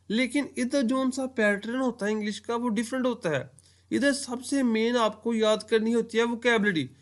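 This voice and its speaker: Man, high pitch, teacher, explanatory lecture, step-by-step examples. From Pakistan. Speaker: entry test teacher.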